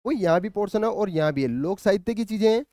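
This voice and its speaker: A male coaching teacher with a high, expressive voice and warm tone walks students through an exam syllabus at a quick pace, explaining patiently and checking in with them often. He thinks aloud, with hesitant fillers and restarts. The studio-quality recording has no room sound.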